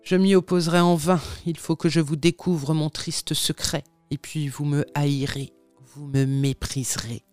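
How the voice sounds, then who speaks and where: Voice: mid-range voice, little pitch movement, measured pace, darkish tone, faint music behind, lightly acted. A reader voicing an anguished little man who shifts between young and old, speaking in mournful, sighing pleas in an audiobook of a classic tale. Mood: sorrowful.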